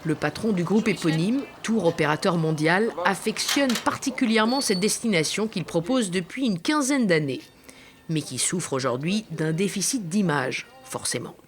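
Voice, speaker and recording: A woman reporter reading a scripted narration for a travel report, in a measured, descriptive voice-over. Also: fairly low pitch, lively intonation. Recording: studio voice-over with light music.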